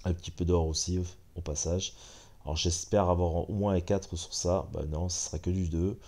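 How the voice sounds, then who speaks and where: A gaming channel host with a French accent and a stuffy head cold chats casually while commenting on a mobile game. He's relaxed and talkative, using many fillers, and speaks at normal speed in a deep male voice.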